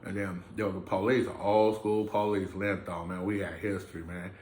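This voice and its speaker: Man, low voice, blunt streetwise storyteller, swears a lot, roomy echo, vlog to camera. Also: flat delivery, normal speed, a little mellow. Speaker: vlogger telling a personal story. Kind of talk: profane casual storytelling. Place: indoor room, filming himself under lights. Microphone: camera mic.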